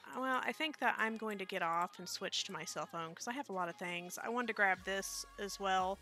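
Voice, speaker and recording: A woman with a Midwestern American accent streams a game, rambling casually with lots of fillers. Her mid-range voice is pushed and bright, her pace a little fast, and soft music plays in the background.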